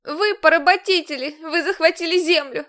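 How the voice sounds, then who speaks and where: A woman's voice: sits high, moderate pace, fairly bright tone, pitched above the performer's own voice. Woman voicing a tearful, defiant young fugitive.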